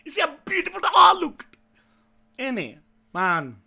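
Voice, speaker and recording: Raspy and creaky, this young YouTube anime reaction host's very high voice moves at normal speed. He reacts live with excitement, using hyped-up bro slang and bursting into shouts.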